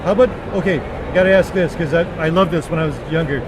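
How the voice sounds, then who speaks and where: A man puts on a goofy, excitable puppet interviewer with a high voice. He gushes and stammers like an eager fan, with clear outdoor traffic noise around him. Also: fast, lightly acted. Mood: eager, fannish.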